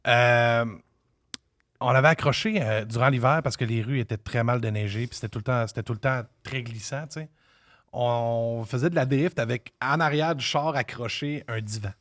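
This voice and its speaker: A man's voice: mid-range voice, normal speed, fairly bright tone. Brash joking Québécois man. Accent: Québécois French. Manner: joking, brash, laughs while telling stories. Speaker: musician guest. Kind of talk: casual interview chat.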